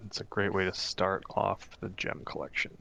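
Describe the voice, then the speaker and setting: Man co-player, low voice, gravelly, relaxed short replies. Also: moderate pace. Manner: laid-back, brief replies. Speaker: co-player on a gaming stream. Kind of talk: casual chat while gaming.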